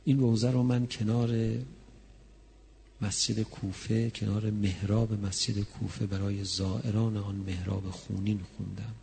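A man preaching a religious sermon that rises into a chanted mourning lament, moving from soft, close talk to high, loud wailing. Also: level tone, gravelly, a little hiss or hum. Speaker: preacher reciting a mourning recitation.

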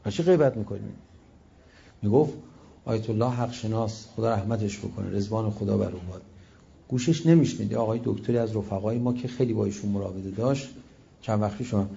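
Gravelly man preaching a fervent sermon. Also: medium pitch, highs cut off. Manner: emphatic, shifts between loud exclamations and quiet asides. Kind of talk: religious sermon with storytelling.

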